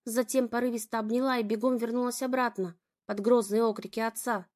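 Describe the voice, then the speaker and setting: A woman narrating a first-person audiobook story with steady, restrained delivery. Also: on the high side, fairly quick.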